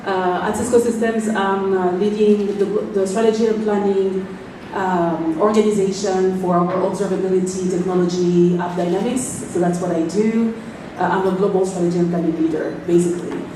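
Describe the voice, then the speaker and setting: A woman from France, speaking on a panel in a businesslike, fluent way with quick bursts and fillers. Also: medium pitch, warm tone. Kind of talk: panel talk. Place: event space. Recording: echoey room, mic from far off, faint noise.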